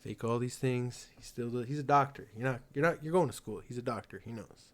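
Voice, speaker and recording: A man's voice: mid-range voice, fairly quick. A man hosting a casual chat about a video game, rambling and laughing often. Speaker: podcast host.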